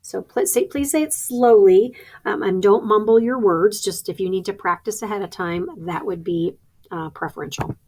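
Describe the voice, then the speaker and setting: A woman's voice: medium pitch, normal speed, a little mellow. A woman teacher talking through a screen-recording tutorial in a practical, chatty way, thinking aloud as she clicks. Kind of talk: instructional screen-recording walkthrough.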